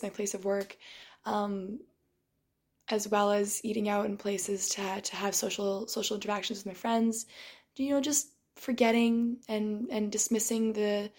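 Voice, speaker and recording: Her voice worn and strained as if from shouting, a young woman reflects casually in a monotone, level pitch. She frequently breaks off and restarts, clearing her throat between thoughts.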